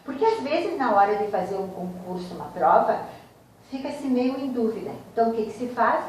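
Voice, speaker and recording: A woman teacher talks her students through a grammar lesson, unhurried and explaining each step. Her voice sits on the high side. It rings around a very echoey room, picked up from a distance. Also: sing-song, darkish tone, a little hiss or hum. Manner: slow, explanatory, addresses students directly.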